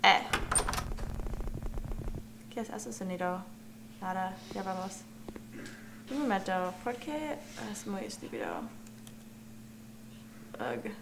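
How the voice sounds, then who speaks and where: Slow-talking young woman playing a game. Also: medium pitch, lively intonation, noisy background. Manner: talks to objects in the game, nervous giggles. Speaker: gamer. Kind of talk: let's play commentary.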